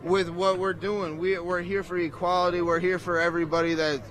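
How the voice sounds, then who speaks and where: A man's voice: sits high, level tone, brisk, a bit bright. A man protester in a street interview, choked up, speaking earnestly and emotionally outdoors.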